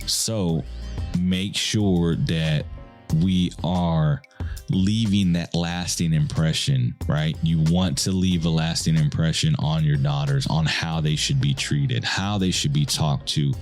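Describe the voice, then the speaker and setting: A man's voice: extremely low pitch, steady tone, slow pace, faint music behind. A man hosting a podcast, giving casual, earnest advice in a conversational way and often checking in with "right?". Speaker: podcast host.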